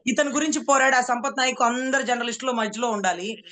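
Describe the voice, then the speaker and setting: Fast, heated woman political commentator. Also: fairly high pitch, fairly bright tone. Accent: Telugu. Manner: heated, rhetorical, repeatedly addressing "sir".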